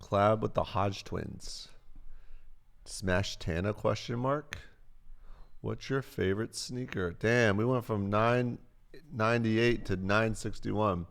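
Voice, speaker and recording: A man's voice: on the low side, takes it slowly, vocal fry. A man casually chatting on his livestream, reading chat questions aloud and telling stories, swearing freely. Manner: laid-back, swears a lot, reads chat questions aloud.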